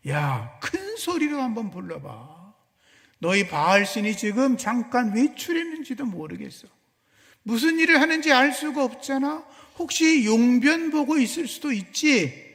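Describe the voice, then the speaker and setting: A preacher putting on a scornful taunting prophet. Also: male voice, extremely high pitch, big pitch swings, measured pace, fairly bright tone, long reverb tail, pitched above the performer's own voice, exaggerated voice. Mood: mocking. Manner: scornful, teasing. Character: mocking male prophet taunting rivals.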